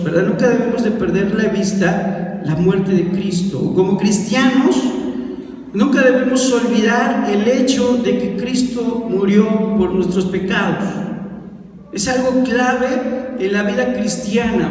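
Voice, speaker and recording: High-pitched preacher in an echoey hall. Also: male voice. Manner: exhorting, addresses listeners as brother, frequent tag questions. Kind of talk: sermon. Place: church hall. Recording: echoey hall, distant mic, faint noise.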